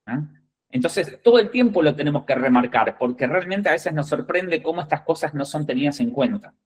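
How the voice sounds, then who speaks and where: Hombre argentino dando consejos firmes. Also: male voice, fairly high pitch, lively intonation, brisk, low-quality recording. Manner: direct, emphatic, checks in with "¿bien?" and "¿ok?". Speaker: executive recruiter. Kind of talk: instructive talk to job candidates.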